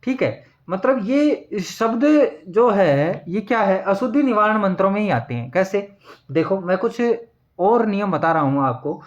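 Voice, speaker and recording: A man teaching Hindi grammar, repeating each word slowly and answering his own questions as he writes. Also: high voice, lively intonation, lo-fi sound. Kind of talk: classroom lesson at a board.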